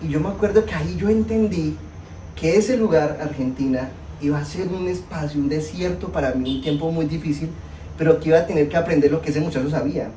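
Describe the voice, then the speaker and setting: A young man with a Colombian Spanish accent preaching a sermon, telling a personal story in an animated, self-mocking way to a congregation. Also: a little high, brisk, slight background noise. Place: church hall. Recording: echoey hall, mic at a distance.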